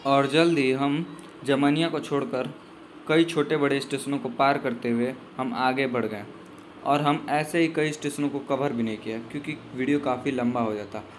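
A man's voice: medium pitch, steady tone, moderate pace, slight background noise. A young man narrating his train journey as a voice-over, in a casual, loosely worded way with restarts. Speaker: travel vlogger.

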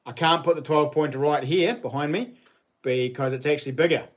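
A man's voice: a little high, brisk. A middle-aged man with a broad New Zealand accent, chatting casually and matily to viewers as a livestream host, in a laid-back, slangy way. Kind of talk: casual chat to live viewers. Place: living room at home.

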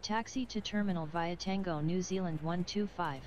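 A woman voicing a calm pilot over the radio. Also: fairly low pitch, normal speed. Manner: clipped, formulaic readbacks. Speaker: airline pilot reading back clearances. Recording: lo-fi radio with clear noise.

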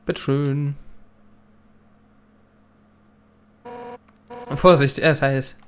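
A man's voice: medium pitch, steady tone, moderate pace, slight background noise, lightly acted. A man reading a brash fish warrior captain. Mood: hasty. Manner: boisterous, loud bursts, chuckling. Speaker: Let's Play gamer reading dialogue. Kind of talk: reading game dialogue aloud.

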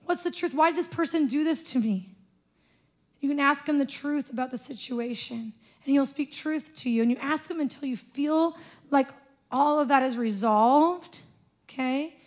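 On a church stage with a handheld mic, a young woman gently guides the congregation through a prayer. Her voice is high and she speaks at a normal speed.

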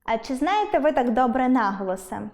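A woman teaching an online school language lesson, speaking clearly and deliberately and stressing her example words. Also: high voice, very animated, a little mellow.

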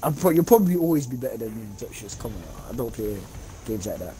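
A young man streaming a game and chatting with friends, excitable, yelping and laughing often. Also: medium pitch, fast, soft background music. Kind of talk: casual gaming chat with friends.

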